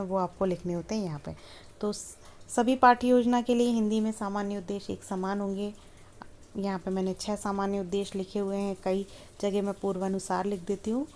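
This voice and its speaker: Soft-toned woman calmly explaining a lesson plan. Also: mid-range voice. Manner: patient, methodical, walks through each item in turn. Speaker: teacher-training tutor.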